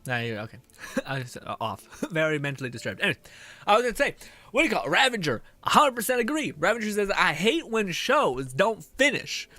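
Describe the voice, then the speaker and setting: A man's voice: high voice, big pitch swings, fast, pushed and bright, dry recording. A man chatting casually on a game stream, rambling and slangy as he reads chat. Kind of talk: casual live-stream chat over gameplay.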